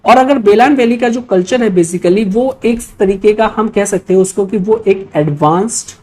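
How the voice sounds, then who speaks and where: A woman exam-prep history teacher with an Indian accent goes through quiz questions in an explanatory lecture, laying out points step by step and checking in often with short tags. She speaks in a mid-range voice at normal speed, slightly mellow.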